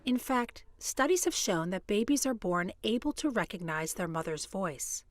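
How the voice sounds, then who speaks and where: A woman presenting an educational video, explaining in a calm, clear way. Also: medium pitch, moderate pace. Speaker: hospital staff presenter. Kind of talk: scripted educational narration.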